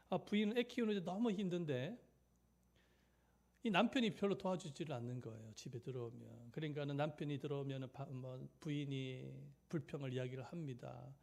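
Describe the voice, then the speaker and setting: Male pastor, storytelling sermon, slightly higher-pitched voice, asks the congregation questions. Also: darkish tone.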